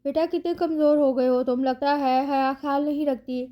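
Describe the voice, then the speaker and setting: A woman's voice: sits high, steady tone, mellow, close to an everyday voice. A woman reading the lines of a scheming, bitter middle-aged aunt in a romance storybook, spiteful and falsely sweet.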